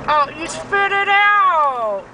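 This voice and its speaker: A woman's voice: very high-pitched, big pitch swings, slow pace, bright, forceful tone. A woman chatting casually in a blunt, informal way while looking after someone in a car. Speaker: driver looking after a patient. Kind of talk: casual chat. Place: inside a car. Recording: noisy car, off-camera distant voice.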